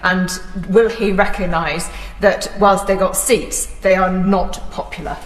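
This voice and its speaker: A woman's voice: on the low side, steady tone, measured pace. Woman challenging in echoey parliament speech. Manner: challenging, questioning. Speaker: member of parliament intervening. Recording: echoey reverberant debating chamber.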